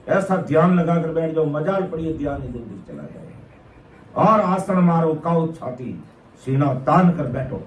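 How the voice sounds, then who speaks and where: A man preaching a devotional sermon, glossing verses line by line and hammering phrases again and again. His voice sits a little high and moves slowly and deliberately. The mic is set well back in an echoey room with faint ambience behind. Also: far from the mic, a little hiss or hum. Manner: repetitive emphatic explaining, quoting couplets and glossing them. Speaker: satsang preacher. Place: satsang hall gathering.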